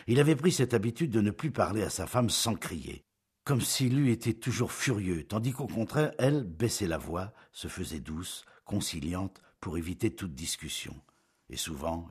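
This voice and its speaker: A man narrating a classic novel as an audiobook in a measured, expressive storytelling manner. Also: sits low, husky.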